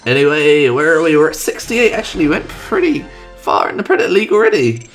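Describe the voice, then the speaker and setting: A man giving chatty let's-play commentary, excitedly thinking aloud about his moves. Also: fairly high pitch, fairly quick. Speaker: gamer. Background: game music.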